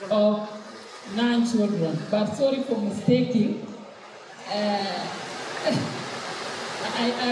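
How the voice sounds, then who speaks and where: A woman from South Sudan giving a campaign speech as a candidate, halting with many fillers and restarts. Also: mid-range voice, reverberant, noisy background. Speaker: presidential candidate.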